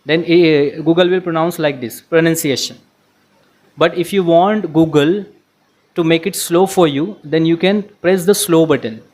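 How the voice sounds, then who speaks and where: Young male teacher, unhurried, slightly high voice, patient classroom explainer. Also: a little mellow. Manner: mixes Hindi and English, explains patiently. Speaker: English teacher. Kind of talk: classroom lecture.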